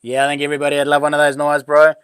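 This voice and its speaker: A man's voice: on the high side, completely flat delivery, racing, a bit bright, clear, resonant tone, no echo, studio quality. A man with a broad New Zealand accent chatting casually and informally as a livestream host, full of matey slang. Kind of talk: casual live chat with viewers.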